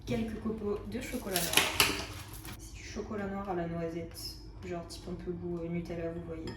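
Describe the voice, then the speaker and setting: A woman's voice: lowish voice, flat delivery, normal speed, heavy background noise. A young woman talking casually and enthusiastically to viewers as a book and food vlogger, in an informal, slangy way. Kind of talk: casual chatty vlog to viewers.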